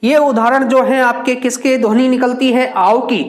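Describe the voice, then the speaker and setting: A man's voice: extremely high pitch, fairly even intonation, moderate pace, reverberant. A man teaching a grammar lesson, who asks questions and answers them himself and stretches out the example words.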